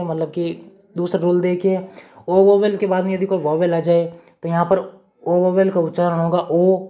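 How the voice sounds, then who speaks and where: Indian guy explaining english pronunciation, mellow voice, asks then answers himself, kinda muffled audio. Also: high voice. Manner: repetitive, asks and answers own questions. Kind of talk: explaining rules step by step. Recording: dull lo-fi sound.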